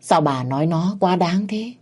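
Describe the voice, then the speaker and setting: A woman's voice: on the low side, lively intonation, moderate pace, darkish tone. Woman reading a reproachful old husband.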